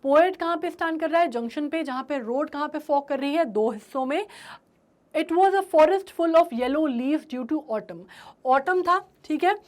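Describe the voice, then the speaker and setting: High-voiced Indian woman teaching a poem. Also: expressive, a little mellow. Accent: Indian English. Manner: switches between Hindi and English, checks understanding often, reads lines slowly. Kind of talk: classroom-style lesson explaining a poem.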